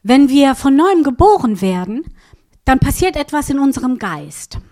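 A woman's voice: sits high, moderate pace. A woman preaching a sermon, teaching with a prop and asking her listeners questions. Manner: asks the audience questions, lively.

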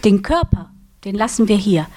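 A woman's voice: mid-range voice, normal speed. A woman preaching a sermon, teaching with a prop and asking her listeners questions. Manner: asks the audience questions, lively.

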